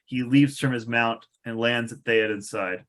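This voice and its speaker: At a table read of a film script, a man reads the stage directions aloud in an amused, sardonic manner, adding wry asides. His mid-range voice is fairly bright, and his pace is measured.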